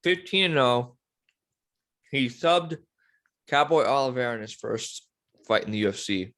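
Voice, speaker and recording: A man co-hosts a combat sports podcast in casual chat, with a pitch that moves a lot. He reacts with excited, emphatic remarks. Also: unhurried. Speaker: podcast co-host.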